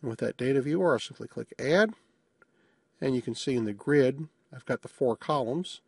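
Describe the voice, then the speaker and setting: Walking viewers through a software demo in a screencast, this man keeps things casual and practical, dropping in a joke now and then. He speaks at a moderate pace in a somewhat husky, mid-range voice. The sound is close and dry, without any echo or room tone.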